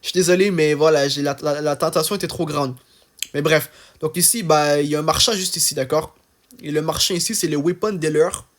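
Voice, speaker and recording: A man's voice: fairly high pitch, steady tone, fairly quick. A young man with an accent giving casual, chatty gameplay commentary, full of fillers and checking in with "d'accord?". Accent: non-standard French accent. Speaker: gaming YouTuber.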